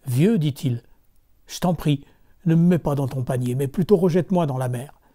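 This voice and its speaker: A man's voice: fairly high pitch, normal speed, lightly acted. A man voicing a kind, gracious magical golden fish in a storybook reading. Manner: gentle, gracious.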